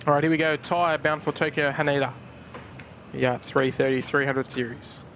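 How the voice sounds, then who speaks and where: A man's voice: on the high side, steady tone, normal speed, a bit bright, a little hiss or hum. A man hosting a plane-spotting livestream with casual, matey commentary, chatting to viewers. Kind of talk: casual live commentary and chat.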